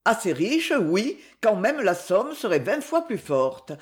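A woman reading an audiobook, voicing a gentle, anxious old banker who implores his daughter. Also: mid-range voice, very animated, takes it slowly. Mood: imploring.

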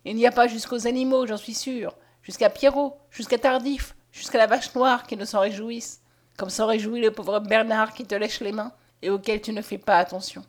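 A woman's voice: a little high, steady tone, normal speed, lightly acted. A woman voicing a hopeful, devout young peasant girl who speaks fervently and tenderly. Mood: joyful.

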